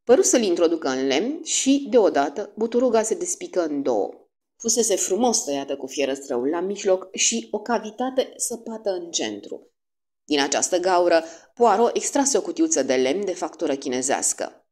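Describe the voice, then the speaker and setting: A woman narrating a classic detective story as an audiobook, in expressive first-person storytelling. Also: on the low side.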